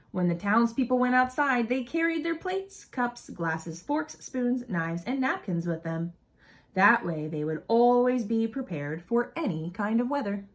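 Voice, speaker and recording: Woman reading a storybook, very animated pitch. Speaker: children's picture book reader. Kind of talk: expressive read-aloud storytelling with asides.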